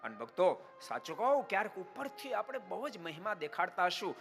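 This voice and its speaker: A man's voice: high-pitched, sing-song, brisk, a bit bright. A man preaching a devotional sermon as a swami, telling stories and asking the devotees rhetorical questions. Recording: reverberant hall, faint music.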